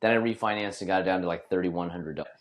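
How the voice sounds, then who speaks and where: A man with a fairly low voice talks quickly and loosely, co-hosting a casual podcast. He rambles and restarts his sentences often, piling on fillers as he goes. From Northern California. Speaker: podcast co-host. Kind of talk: casual chat.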